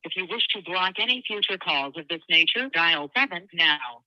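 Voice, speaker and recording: A woman's voice: lowish voice, lively intonation, normal speed, no room sound. Automated female phone prompt with keypad tones. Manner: clipped, formal recorded announcement. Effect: automated call prompt over the line with phone keypad tones. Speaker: automated prison phone system announcer. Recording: tinny phone line, dry.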